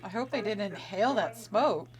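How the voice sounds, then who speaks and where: A woman's voice: medium pitch, expressive, normal speed. A young woman hosting a casual movie-watching commentary, making sarcastic asides and giggling often. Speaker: host reacting to a film.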